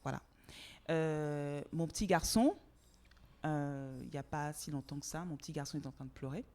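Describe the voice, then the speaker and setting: Outspoken woman with a lowish voice. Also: normal speed. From Togo. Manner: emphatic and outspoken, swears casually; animated, repeats words for emphasis. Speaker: podcast guest. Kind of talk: candid conversational interview.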